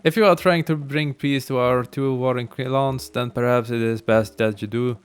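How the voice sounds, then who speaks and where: A proud chieftain of a warring clan , read aloud by a man, speaks in a solemn, measured way. The voice has a middling pitch. Soft game music plays underneath. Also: steady tone, clean tone, natural voice.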